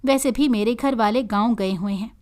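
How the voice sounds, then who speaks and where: A woman playing a caring young male friend, reassuring, concerned, raised pitch, storybook. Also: normal speed, a little mellow, close to an everyday voice.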